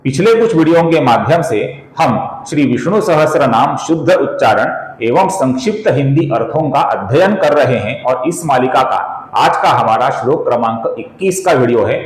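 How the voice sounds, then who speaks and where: A man hosting a spiritual channel, teaching correct Sanskrit pronunciation in Hindi and slowly chanting verses. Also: medium pitch, echoey room, rough recording. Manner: slow deliberate chanting of verses, explaining sounds; addresses viewers as friends, earnest and instructive.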